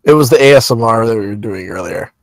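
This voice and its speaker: A man's voice: on the low side, animated, quick pace, gravelly, no echo, low-quality recording. A man hosting a wrestling news podcast, reading news and teasing his co-hosts in joking banter. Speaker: podcast host. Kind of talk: casual podcast chat.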